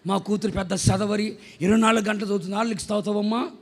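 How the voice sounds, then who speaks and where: A preacher doing a soft, doting mother. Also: medium pitch, steady tone, very fast, lightly acted. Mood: indulgent. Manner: soft, indulgent coaxing. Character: doting mother who spoils her daughter.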